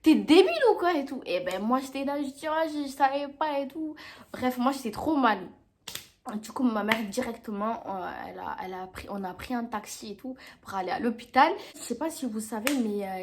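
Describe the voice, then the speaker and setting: A young woman vlogs a dramatic story to camera in a casual storytime format, acting out people's words with animated flair. Her voice is medium-pitched, and the recording carries a little hiss or hum.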